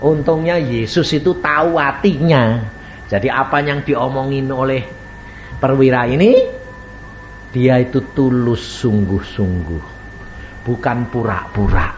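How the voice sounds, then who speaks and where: A man preaching a sermon, telling stories with acted-out voices, shouts and laughter. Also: mid-range voice, a little slow, dull audio, a little hiss or hum. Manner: animated storytelling, acts out voices, shouts and laughs.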